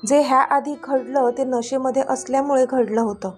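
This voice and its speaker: Slightly high-voiced woman storyteller. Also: steady tone, normal speed, husky. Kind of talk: scripted story narration. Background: faint music.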